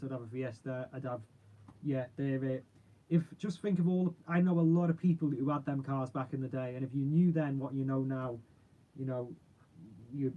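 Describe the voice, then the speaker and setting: A man's voice: mid-range voice, narrow, tinny audio. A man, chatting casually and informally as he hosts a livestream and answers viewers, rambling in a matey way. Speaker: car channel host.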